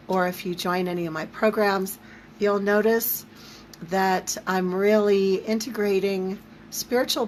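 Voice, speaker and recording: A woman with a squeaky voice strained by allergies, teaching an informal livestream lesson in a conversational, emphatic, down-to-earth way. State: throat and voice affected by allergy. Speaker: spiritual teacher leading a live online series. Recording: noticeable background noise.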